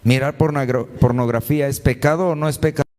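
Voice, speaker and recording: A man's voice: medium pitch, fairly even intonation, fast talker, darkish tone, slight background noise. A man preaches a sermon in an ordinary mid-range voice, pressing his congregation with one rhetorical question after another and addressing them as brothers and sisters. His voice rings out with the long reverb of a church hall. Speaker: pastor.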